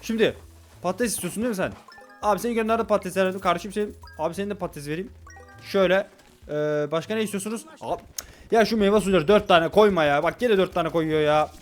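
A man giving hurried, excitable commentary while playing a restaurant game, talking to customers on screen. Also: sits high. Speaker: gaming YouTuber. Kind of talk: casual gameplay commentary.

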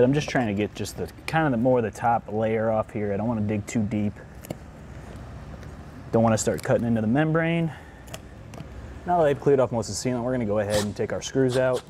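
A product installation presenter in his thirties talks casually while demonstrating hands-on work across a large indoor workshop floor. He has a mellow voice on the low side, and there's a slight hiss or hum.

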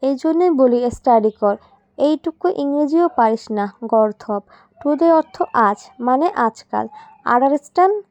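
A woman's voice: high voice, slow pace, a little mellow, no room sound. A woman voicing a brash, bossy young female pickpocket who mixes broken English into her talk.

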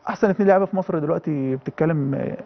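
A man's voice: a little high, highs cut off. A man in his thirties with an Egyptian Arabic accent, a footballer guest talking earnestly in a casual TV interview, often restarting his words. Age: 30s. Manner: earnest, halting with many restarts.

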